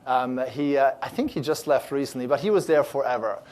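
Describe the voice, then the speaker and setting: At a conference, a man who started a startup accelerator talks to the audience in a medium-pitched voice at a fairly quick clip. He sounds upbeat and animated, his phrasing loose and riddled with fillers and false starts.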